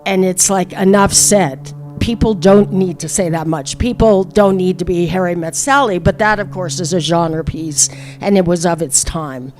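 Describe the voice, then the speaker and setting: Female panel speaker, slightly low voice, reflective, faint music underneath. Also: moderate pace, hardly any pauses, darkish tone. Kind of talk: reflective discussion.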